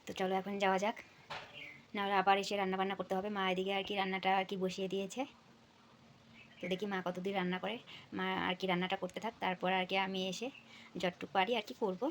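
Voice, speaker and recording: A young woman, a vlogger with two children and a Bengali accent, talks casually with viewers as friends while chopping vegetables at home, soft-spoken, a little out of breath and heavy on fillers. She talks fast in a medium, level tone, and the poor audio carries a slight hiss or hum.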